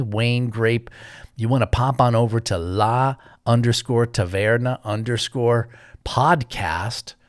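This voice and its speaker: A man hosting a podcast, talking in a relaxed, chatty way with plenty of fillers. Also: lowish voice, no echo, clean studio sound. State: morning voice. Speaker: podcast host. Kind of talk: casual podcast intro and interview.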